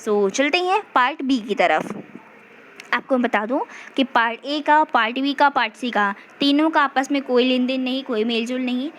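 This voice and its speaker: A woman's voice: high voice, normal speed, fairly bright tone. A woman teaching an online language lesson, patiently explaining in Hindi and English and reading dialogue aloud. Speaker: French teacher.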